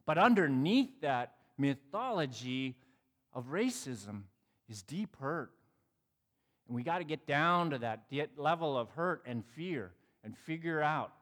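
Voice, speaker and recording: A man's voice: on the high side, animated, a little slow, fairly bright tone, long reverb tail. A man telling a personal story in a conversational, sermon-like talk, acting out the voices in it. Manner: reflective, conversational, acts out quoted dialogue.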